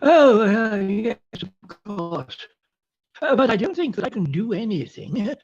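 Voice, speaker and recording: A woman's voice: mid-range voice, big pitch swings, a little slow, a little mellow, breathy edge, lo-fi sound, heavily acted. A woman playing a mild, polite clergyman in a stage play reading, flustered and hesitant. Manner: hesitant, deferential.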